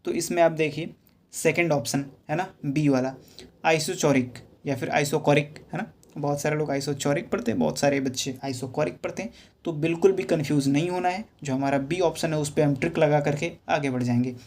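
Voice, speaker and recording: A man teaching physics for exam prep, reading English questions slowly and explaining step by step with rhetorical questions. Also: fairly high pitch, darkish tone. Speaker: physics tutor.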